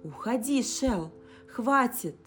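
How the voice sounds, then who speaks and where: A woman narrator puts on a desperate young wife facing down a spirit. Her voice rises higher and louder in urgent, pleading outbursts. Music sounds clearly underneath. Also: measured pace, close to an everyday voice. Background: instrumental music.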